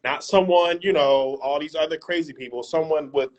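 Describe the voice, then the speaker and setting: A man's voice: fairly high pitch, moderate pace, highs cut off, a little hiss or hum. A man hosting an interview over a video call, casual and joking, full of fillers and repeated phrases. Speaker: host.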